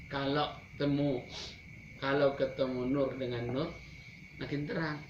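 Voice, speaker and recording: A man's voice: medium pitch, flat delivery, a little slow. A man preaching a sermon, teasing his listeners and answering his own rhetorical questions. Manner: asks rhetorical questions and answers them himself; chatty, teasing preaching with laughs. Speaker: Islamic preacher. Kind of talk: sermon to a congregation. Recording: echoey, dull lo-fi hall recording with noise.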